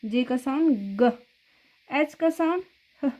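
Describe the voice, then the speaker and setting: A woman with a high voice walks parents through letter sounds one by one. She repeats each sound slowly and keeps asking whether they are following, in a patient teaching tone. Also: animated, darkish tone. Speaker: phonics teacher. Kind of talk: explanatory lesson for parents.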